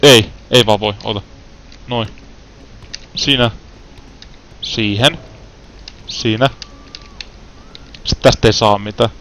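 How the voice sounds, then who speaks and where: A man's voice: on the low side, fairly even intonation, long pauses, a bit bright, slight background noise. A young Finnish man giving casual gameplay commentary, with frustrated outbursts and English words mixed in. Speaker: gaming let's player.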